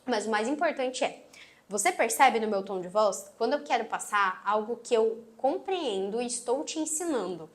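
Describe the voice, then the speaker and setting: A woman with a Brazilian accent and a sweet, gentle voice, teaching an online course lesson and closing her phrases firmly. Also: on the high side, animated, moderate pace. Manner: emphatic, closes phrases firmly. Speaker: marketing instructor. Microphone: phone on tripod.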